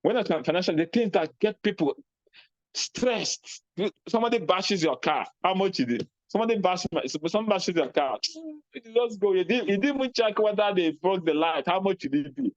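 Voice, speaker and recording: A man with a Nigerian accent giving a motivational talk, animated, acting out little scenes in a raised voice. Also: high voice, normal speed, no room sound, muffled recording. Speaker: speaker on personal finance.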